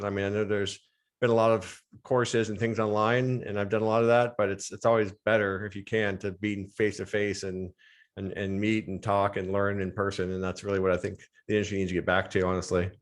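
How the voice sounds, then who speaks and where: An American man speaking as a podcast guest, explaining things fluently in casual conversation. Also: lowish voice. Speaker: podcast guest, strength and conditioning coach. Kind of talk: casual interview chat.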